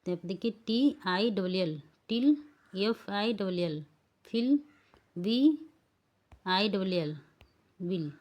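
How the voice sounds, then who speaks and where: A woman's voice: mid-range voice, animated, takes it slowly, long pauses, a little mellow. A woman teaching English pronunciation rules, spelling words out letter by letter and checking that the learners follow. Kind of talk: slow spelling-rule lesson.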